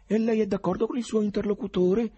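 A man's voice: high voice, steady tone, warm tone, husky, lo-fi sound, voice pushed up. A man playing a suave, cooing foreign stranger. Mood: ingratiating. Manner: slow, exaggeratedly polite, cooing. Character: suave foreign stranger, courteous, eerily curious. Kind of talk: radio reading of a novel.

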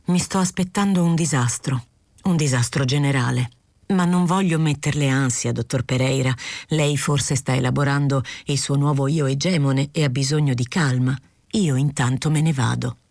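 A woman reading the part of a calm, frank middle-aged male doctor who speaks in a probing, gently lecturing way, in an audiobook. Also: extremely low pitch, moderate pace, dry recording, studio quality. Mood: earnest.

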